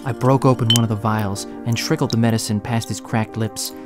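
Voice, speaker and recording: This man's lowish voice stays fairly even and close to everyday speech as he talks fairly quickly over music. Playing a young slum hero in an audio drama, he narrates his own story and performs dialogue, earnest, emotional and reflective.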